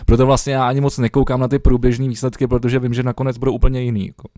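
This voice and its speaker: A man's voice: mid-range voice, level tone, dark tone, no room sound, studio quality. A young man co-hosting a podcast over a remote call, chatting loosely with lots of swearing and fillers. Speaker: podcast co-host. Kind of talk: casual chat.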